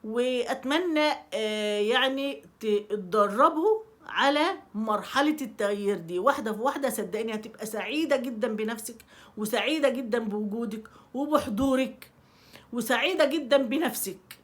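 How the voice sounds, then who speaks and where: A woman's voice: fairly high pitch, normal speed. A middle-aged woman with an Egyptian Arabic accent giving emphatic self-help advice to women, repeating her key phrases and acting out little examples. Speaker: self-help video host. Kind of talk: advice talk to women viewers.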